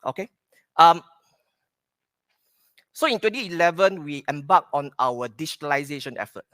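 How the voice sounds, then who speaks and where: A man's voice: fairly high pitch, animated, normal speed, a bit bright, no echo. Singaporean man giving a conference talk. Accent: Singaporean English. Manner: plain, repeats "okay" to pace points. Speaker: conference speaker. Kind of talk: conference keynote presentation. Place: conference hall stage.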